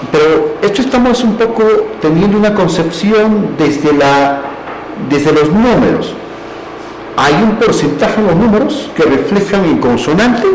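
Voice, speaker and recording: A man giving a lecture on language, explaining step by step and often checking in with his listeners. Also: fairly high pitch. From Peru. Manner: explanatory, with frequent "¿no?" and "entonces". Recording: echoey room, faint background hiss.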